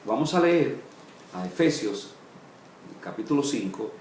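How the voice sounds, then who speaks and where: A man, a pastor, teaching a Bible study sermon in short phrases, with pauses and "eh" fillers, each phrase trailing off low and soft. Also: expressive, reverberant, a little hiss or hum.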